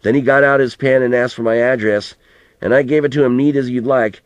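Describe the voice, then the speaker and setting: Fairly quick and steady in tone, this man's mid-range voice sounds close to everyday speech, captured in a rough recording with no room sound. Reading a storybook as an elderly farmer grandfather, he rambles through earnest, reflective memories, plain-spoken and folksy, swearing mildly in a colloquial rural way.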